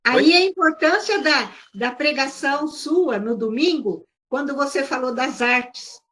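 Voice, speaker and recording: High-voiced woman in a class discussion. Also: a little slow, fairly bright tone. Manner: hesitant, summarizing, polite. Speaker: class participant.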